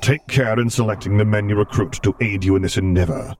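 A man voicing an imposing masked male dark lord who speaks in a slow, deliberate, rumbling way. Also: slight background noise, close to an everyday voice. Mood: commanding.

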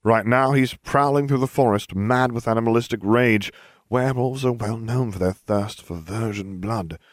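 In clean studio sound with no room echo, a man voices a smug, scheming, theatrical schoolchild for an audiobook, glib and mock-grave. His natural voice is medium-pitched and moderately paced, pitched above his own speaking voice.

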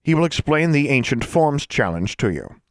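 A formal professor announces rules in a clearly raised voice, as a male narrator puts him on. The delivery is measured and official. It is recorded dry and close, like an audiobook. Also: on the high side, big pitch swings, no echo, pitched above the performer's own voice.

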